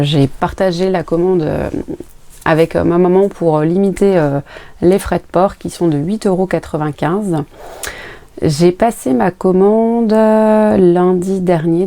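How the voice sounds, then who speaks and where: A woman's voice: lowish voice, warm tone, dry recording. A woman vlogging about sewing, chatting casually to camera as she unpacks and explains each item plainly. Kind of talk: casual unboxing chat to camera.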